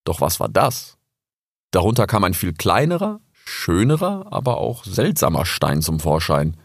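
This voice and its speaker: Deep-voiced man narrating a children's story. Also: moderate pace, no room sound, studio quality. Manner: expressive, lively storytelling.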